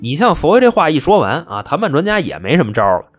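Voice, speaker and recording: A man's voice: a little high, huge pitch swings, fast talker, slightly rough, faint music behind. A man telling a comic crime story as host, chatty, wry and colloquial.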